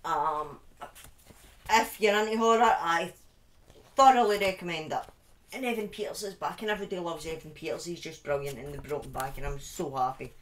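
Speaking a little fast in a low voice, the British live streamer tells true crime stories with informal drama. She is middle-aged and has a speech impediment. A close boom-arm desk microphone in her small, dim room picks up a little hiss or hum.

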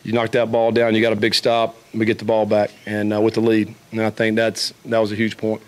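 A middle-aged man, a head football coach, answering questions at a post-game press conference, with frequent restarts and fillers. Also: fairly low pitch. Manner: fast, even-toned, frequent restarts and fillers. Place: press conference room with a logo backdrop. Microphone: table microphone.

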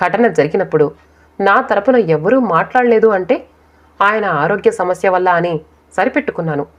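A woman narrating a first-person story in a quiet, sorrowful storytelling manner. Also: medium pitch, lively intonation, normal speed. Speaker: audiobook narrator. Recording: dull lo-fi recording.

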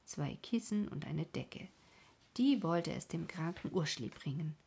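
A woman hosting a sleep podcast, reading a bedtime story in a soft, calm, breathy half-whisper. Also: low-pitched. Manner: soft, calm, slow reading to lull listeners.

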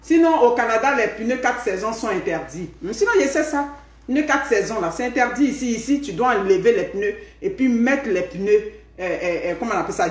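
Chatty Ivorian woman on a live stream. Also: medium pitch. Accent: Ivorian French. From Ivory Coast. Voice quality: lively, punctuated by questioning "hmm?". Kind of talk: casual live chat. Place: home room. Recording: echoey room.

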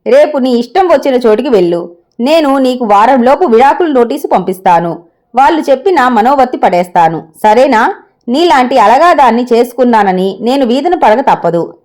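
A woman's voice: on the high side, very animated, moderate pace, darkish tone. A woman voicing a stern, angry middle-aged husband who talks harshly. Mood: scolding. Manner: harsh, scolding.

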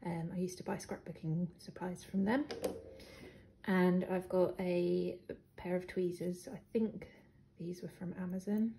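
Showing off her planner supplies casually, a young British woman speaks hesitantly with a croaky voice, many ums, soft laughs, and occasional throat clearing. Her voice is lowish, steady, and a little slow, recorded in an echoey living room with a hard floor and faint noise.

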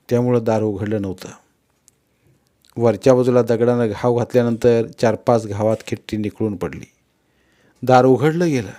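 Guy reading a novel out loud, first person, serious and expressive, mid-pitched voice. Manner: expressive, grave storytelling. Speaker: audiobook narrator.

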